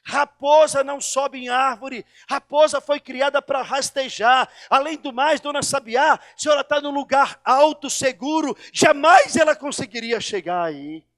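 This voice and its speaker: A man voicing a lively, blunt male monkey in a sermon story, questioning and then scolding. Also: extremely high pitch, measured pace, hardly any pauses, dry recording, exaggerated voice. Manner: inquisitive, scolding.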